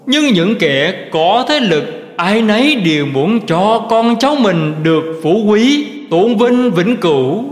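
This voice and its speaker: A man giving a slow, measured recitation of Buddhist teachings in a scripted reading style. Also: high voice, very animated. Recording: roomy recording with long reverb.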